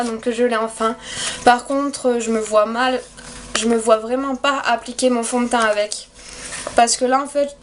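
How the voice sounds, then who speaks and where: A young woman talks through her makeup haul at home in a casual, hesitant way, often stopping to restart her sentences. Her voice sits a little high, and a faint hiss runs under the recording. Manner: hesitant, many fillers and restarts. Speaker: beauty vlogger. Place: bedroom at home.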